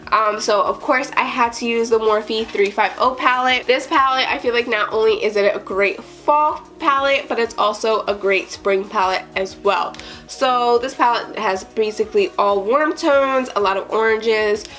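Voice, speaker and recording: Woman, beauty vlogger, a bit out of breath, chatty step-by-step narration, clear tone. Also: a little high, normal speed, fairly bright tone, soft background music. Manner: chatty, narrating each step as she works. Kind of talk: casual makeup tutorial.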